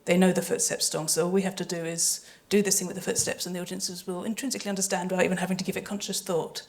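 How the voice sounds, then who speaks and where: Speaking very fast in a lowish, creaky, slightly mellow voice with little pitch movement, a woman who designs sound for audio dramas takes part in a live panel before an audience. Her explanations are detailed and thoughtful, though some of her phrasing is hesitant.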